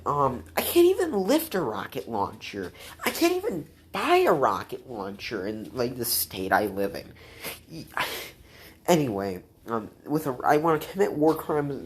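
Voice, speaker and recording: A young woman with a strikingly low voice tells a story for her vlog. She rambles, swears freely, and keeps restarting her sentences around fillers like "um" and "you know.". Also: huge pitch swings, a little slow. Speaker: vlogger.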